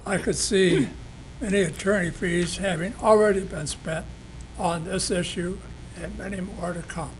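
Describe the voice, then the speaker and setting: Older male citizen speaker, strained raspy whisper, unusually high, halting delivery, faint room noise. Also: fairly even intonation. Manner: halting, broken phrasing. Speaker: citizen giving public comment. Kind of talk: public comment speech. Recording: noisy public meeting room recording.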